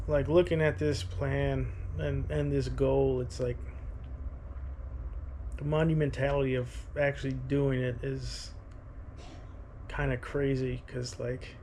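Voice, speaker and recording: A man in his thirties with a creaky, fry-laden voice rambles casually for a vlog. He talks haltingly, as if thinking aloud, at an ordinary middle pitch. Some ambient noise sits behind him. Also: darkish tone. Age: 30s. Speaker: running vlogger.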